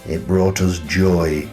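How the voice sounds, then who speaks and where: In this radio play monologue, a male actor with a low, darkish voice portrays a retired teacher and grandfather in his sixties. Wistful and reflective, he recounts his story at a measured pace, with pauses between phrases.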